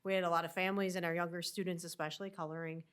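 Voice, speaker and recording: A woman's voice: on the low side, level tone, very fast, a bit bright, smooth. A woman with a nasal voice from a winter cold, giving a superintendent's upbeat update at a school board meeting. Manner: upbeat, with many fillers.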